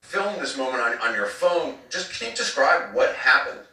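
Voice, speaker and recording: A man asking short probing questions as an interviewer, heard through low-quality streamed clip audio. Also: very animated, moderate pace, pushed and bright, heavy reverb, far from the mic.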